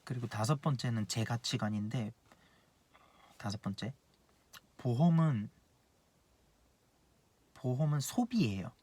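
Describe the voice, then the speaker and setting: A young man in his late twenties talks through his advice as an insurance planner. He speaks bluntly and earnestly at an ordinary pitch, hammering home each point by repeating it. The delivery is casual and direct, like a one-person video talk. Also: expressive, slow, long pauses, a little mellow. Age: 20s.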